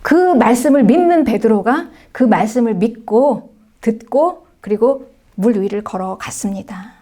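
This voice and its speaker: A woman pastor preaching with a fairly high voice. She tells the scripture like a lively story, acts out the characters' lines, and drops now and then to a near-whisper. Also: a little slow. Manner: frequent affirming asides and soft drops to near-whisper. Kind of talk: sermon.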